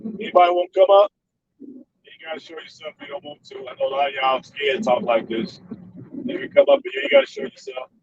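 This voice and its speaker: A man chatting to his viewers while he drives, his voice swinging wildly from low and gravelly up into high bursts. The sound is dull and lo-fi from a distant phone mic, with faint road ambience behind him. He keeps calling out to his audience. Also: huge pitch swings, fast talker, background noise. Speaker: live-stream vlogger. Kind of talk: casual live-stream chat to viewers. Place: in a car while driving.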